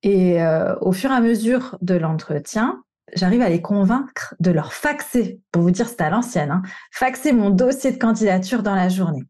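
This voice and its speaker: This Parisian-region woman in her thirties, a coach who hosts a podcast, shares the story of her career in an open, conversational way with a bit of slang. Her mid-range voice has a darkish tone and lively intonation, at normal speed.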